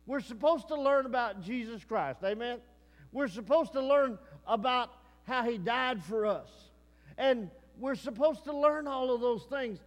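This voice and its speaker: Pastor guy preaching, chatty and folksy, voice sits high, big echoey hall sound. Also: a little slow. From Texas. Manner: folksy, conversational preaching with asides to the congregation. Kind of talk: sermon.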